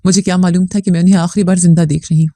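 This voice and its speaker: Woman storyteller, warm mellow voice, dry close sound, steady somber reading. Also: lowish voice, very fast, dry recording. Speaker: narrator. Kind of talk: scripted first-person story narration.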